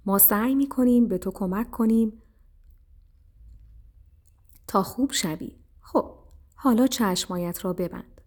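A woman voicing a wise, gentle old crow healer in a children's story, speaking softly and calmly. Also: medium pitch, pauses often, close to an everyday voice. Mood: soothing. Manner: soft and calming.

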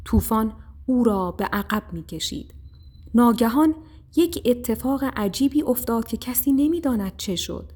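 A woman narrating a children's story in a calm, steady reading voice. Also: on the high side, husky.

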